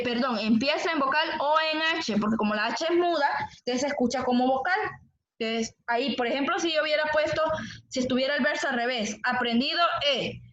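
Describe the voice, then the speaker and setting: In a classroom with echo and dull, lo-fi audio, a woman with a high, fairly bright voice teaches poetic meter. She patiently questions her students and echoes back what they answer.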